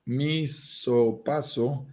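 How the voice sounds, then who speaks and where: A man co-hosts a real estate investment live stream, answering viewer questions, explaining things quickly and reading out viewer names. His voice is medium-pitched and darkish, with fairly even intonation.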